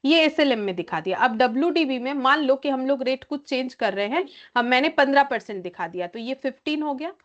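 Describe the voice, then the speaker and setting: A woman teaching an accounting class. She reads English questions slowly and explains them in Hindi, often checking in with "theek hai". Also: high voice, lively intonation, a bit bright, lo-fi sound. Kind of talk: classroom lecture.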